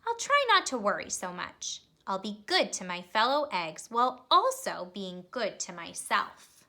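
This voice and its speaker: A woman reading a children's picture book aloud, telling it expressively and pausing to ask young listeners questions. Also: medium pitch, very animated, sharp tone. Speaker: storybook reader.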